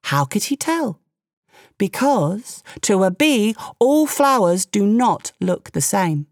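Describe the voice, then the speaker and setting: Expressive woman telling a story. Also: mid-range voice, takes it slowly, no echo, studio quality. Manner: expressive, with playful asides. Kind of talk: storytelling narration.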